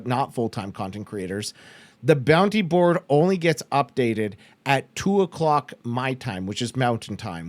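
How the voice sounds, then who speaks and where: Man, from Canada, podcast host, casual rambling chat, medium pitch, dry close sound. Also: no echo. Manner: chatty, rambling with fillers and restarts; mocks others with put-on excited voices.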